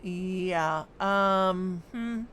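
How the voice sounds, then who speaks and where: A woman's voice: fairly low pitch, very slow, a bit bright, slight background noise. A woman streaming a city-building game, thinking aloud as she plays, with plenty of hums and ums. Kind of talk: live gameplay commentary.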